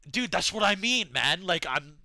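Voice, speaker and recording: A man's voice: high voice, very animated, moderate pace, gravelly, a crowd in the background. A man livestreaming in a casual, laid-back way, rambling through slangy, profane chat and replies to donations. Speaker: livestreamer reading donation messages.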